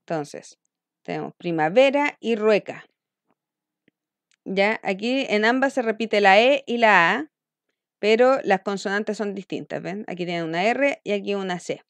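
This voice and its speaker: Smooth-voiced woman teaching a class. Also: mid-range voice, a little slow, no room sound. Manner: explains step by step, checking in with frequent "¿ya?". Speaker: school language teacher. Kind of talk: recorded online lesson.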